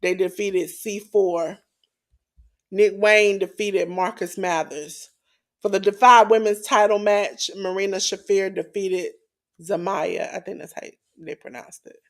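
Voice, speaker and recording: A woman's voice: mid-range voice, fairly even intonation, unhurried. A tired woman co-hosting a podcast, reading out wrestling results with showy announcer flourishes. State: sleepy. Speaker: podcast co-host.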